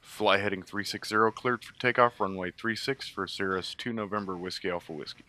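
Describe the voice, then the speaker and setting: A man flying a simulated airplane, making brisk, businesslike radio calls in clipped aviation phrasing through a cockpit headset mic. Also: lowish voice, pushed and bright, a little hiss or hum. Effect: pilot talking into a cockpit headset mic. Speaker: flight sim pilot making radio calls.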